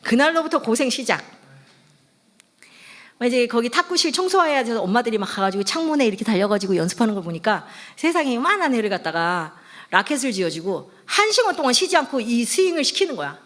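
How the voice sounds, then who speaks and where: A middle-aged woman, a pastor's wife, preaching a sermon through a lively personal story and acting out the voices she quotes. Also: a little high, fast talker. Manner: lively, acts out quoted voices, laughs often.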